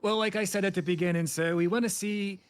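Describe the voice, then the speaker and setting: A man's voice: sits high, fairly even intonation, fast, clear, resonant tone. A man running a game roleplay scenario as an interviewer, chatty and rambling, slipping into comic bits. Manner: chatty, rambling, slips into panicky comic yelping.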